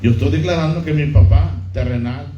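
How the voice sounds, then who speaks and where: A middle-aged pastor preaching a sermon, who repeats key phrases and puts questions to the congregation. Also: male voice, on the high side, fairly quick, warm tone, a little hiss or hum. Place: church hall. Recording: muffled echoey church recording.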